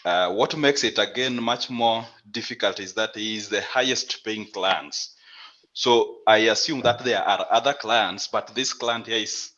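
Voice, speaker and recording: A man with a hard, bright edge to his lowish voice reasons aloud deliberately as a training participant. It sounds like lo-fi online call audio. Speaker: workshop participant.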